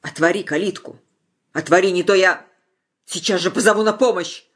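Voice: medium pitch, moderate pace, a bit bright, breathy edge. A reader voicing a spirited young bride who pleads and protests urgently, in a storybook reading. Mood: urgent, pleading.

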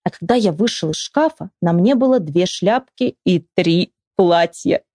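A woman reading a children's story aloud to a child with lively, expressive storytelling, then asking the child about it. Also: fairly low pitch, unhurried, dry recording, studio quality. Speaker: reader and teacher.

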